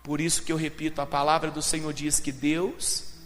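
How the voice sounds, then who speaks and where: A man preaching a sermon as pastor, dramatic, moving between shouted lines and low, intense speech. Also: little pitch movement, normal speed. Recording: long hall reverb with faint music.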